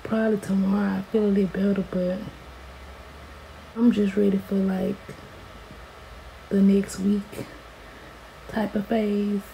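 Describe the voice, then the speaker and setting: A twenty-something American woman vlogs informally from a small room at home in a mid-range, level, mellow voice that turns creaky. She speaks at a measured pace and pauses often. The recording is low quality, with noticeable room noise.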